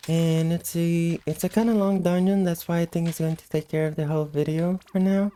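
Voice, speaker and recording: A woman giving casual, unhurried gameplay commentary in a sleepy, just-woke-up morning voice. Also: fairly low pitch, steady tone, warm tone. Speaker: gameplay host.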